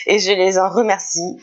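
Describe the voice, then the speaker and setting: A woman's voice: medium pitch, a bit bright. A woman talking casually to camera in a car detailing vlog, hesitant, with many fillers and restarts, often laughing. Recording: dull lo-fi recording.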